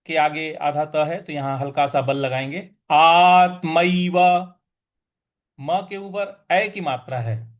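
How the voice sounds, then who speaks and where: A man teaching how to pronounce a Sanskrit verse. He patiently explains where to put stress, then chants each word slowly. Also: a little high. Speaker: teacher of Gita recitation. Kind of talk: pronunciation lesson with slow chanting.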